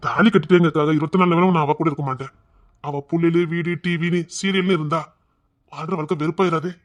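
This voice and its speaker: A man's voice: on the high side, fairly even intonation, fast, lightly acted. A man playing a kind, devoted young man who reassures an older woman in an audio drama. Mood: earnest. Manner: earnest, warm-hearted, reassuring. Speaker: young husband-to-be waiting outside an exam hall.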